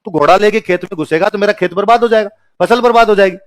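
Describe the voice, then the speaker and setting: A man's voice: sits high, quick pace, natural voice. Man doing a bossy young village girl who hunts, blunt and scolding. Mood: brusque. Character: bold young village girl, brusque huntress.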